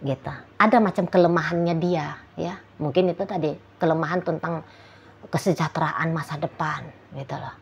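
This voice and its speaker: A woman's voice: low voice, fairly even intonation, normal speed, creaky, highs cut off, slight background noise. A woman talking straight to a single viewer about their relationship in a casual, chatty way. She keeps returning to little tag phrases and sometimes acts out what a partner might say. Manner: chatty, repeats "gitu ya", acts out quoted lines. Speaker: relationship reader addressing a viewer. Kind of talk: casual advice monologue.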